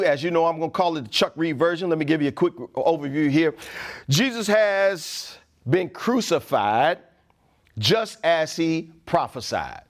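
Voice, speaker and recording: High-voiced animated male preacher. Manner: animated preaching with slang asides. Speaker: pastor. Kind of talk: sermon.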